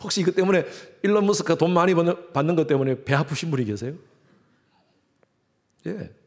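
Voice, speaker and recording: Male pastor, sermon in a church, fairly high voice, animated, questions the congregation, acts out quoted voices. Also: fairly quick. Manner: lively preaching, acting out quoted voices. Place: church sanctuary.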